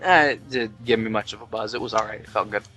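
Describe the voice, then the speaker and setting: A man's voice: lowish voice, fast, bright, forceful tone. Tipsy young male podcast host, rambles and swears, faint music bed. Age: 20s. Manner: loose, rambling, swearing, reading aloud with mock quoting. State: drunk. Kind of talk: tipsy casual podcast chat. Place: indoors at home, Tennessee.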